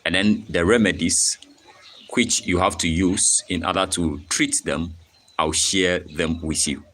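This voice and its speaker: A young Ghanaian poultry farmer hosts his channel's live-stream farming tutorial, explaining step by step in Ghanaian English. He is repetitive, checks in often with "okay?", and reads the chat aloud. His low voice is steady, a bit bright, and measured in pace.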